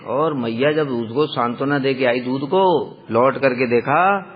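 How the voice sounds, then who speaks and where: A man telling a devotional story in a lively, conversational way, often asking the listeners rhetorical questions. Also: mid-range voice. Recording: dull lo-fi sound with long hall reverb.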